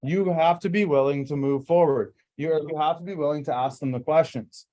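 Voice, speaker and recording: A man's voice: a little high, a little fast, dark tone. A man leading a casual sales training over a group video call, talking in emphatic, rambling bursts with lots of fillers and restarts.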